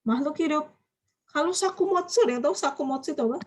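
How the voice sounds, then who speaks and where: A woman's voice: sits high, racing, a little mellow. A woman teaching a Japanese vocabulary class online, chatty and quizzing her students. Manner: chatty, quizzing students, frequent light laughs.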